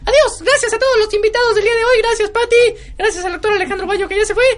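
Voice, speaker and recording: A woman's voice: very high-pitched, steady tone, quick pace, soft background music. A woman hosting a live radio show, playful and chatty. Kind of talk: casual live radio chat.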